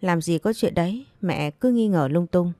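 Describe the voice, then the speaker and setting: A woman's voice: on the low side, animated, normal speed, dark tone, no room sound, lightly acted. A woman voicing a defiant young pregnant village woman who argues back and pleads.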